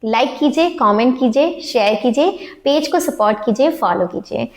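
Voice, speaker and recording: Indian woman teaching phonics, fairly high voice. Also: animated, a little mellow. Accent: Indian English. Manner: mixes Hindi and English, slows to sound out letters. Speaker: phonics trainer. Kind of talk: explaining phonics lesson to parents.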